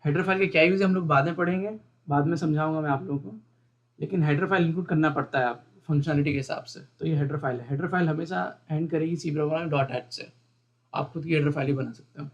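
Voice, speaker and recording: A man teaching a beginner programming lesson, explaining each part of the code slowly and repeating the terms, often asking his viewers questions. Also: a little high, lo-fi sound. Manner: explains step by step, repeats terms, mixes English terms into Hindi. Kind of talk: screen-recorded coding lesson.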